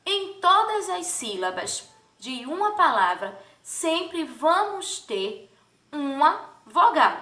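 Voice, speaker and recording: A woman teaching young children a lesson, drawing words out slowly and asking the class sing-song questions. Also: very high-pitched, big pitch swings, pushed and bright. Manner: slow, drawn-out syllables for children. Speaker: primary school teacher. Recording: echoey room, distant from mic.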